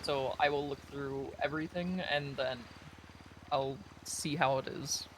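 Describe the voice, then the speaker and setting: Bright-voiced man with hedging fillers. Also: medium pitch, fairly even intonation, slight background noise. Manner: hedging, filler-heavy, measured. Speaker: law enforcement officer in a roleplay. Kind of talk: in-character roleplay chat.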